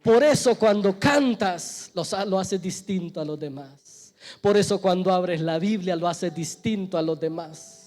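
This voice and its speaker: High-voiced pastor preaching. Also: male voice, fairly even intonation, normal speed, soft background music. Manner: storytelling preacher, swells loud then drops to a hush. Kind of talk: sermon. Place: church.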